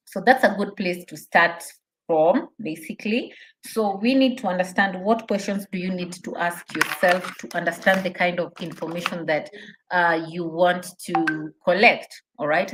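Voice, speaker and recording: A woman with a lowish voice and moderate pace teaches an interactive online webinar as a trainer, reading out chat responses. She encourages participants, repeats her questions and checks that they're keeping up, over a noisy background.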